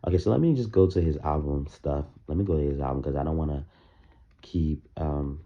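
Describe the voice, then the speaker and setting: A man's voice: extremely low pitch, lively intonation, fast. A man giving casual, opinionated commentary on music, talking loosely with plenty of fillers, in his morning voice. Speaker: music reaction vlogger. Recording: dull lo-fi recording.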